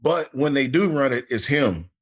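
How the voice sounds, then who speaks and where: This podcast co-host talks at a normal pace in a mid-range, animated voice with a breathy edge. The chat is about fantasy football, and his manner is relaxed and folksy, with repeated words whenever he starts a new thought.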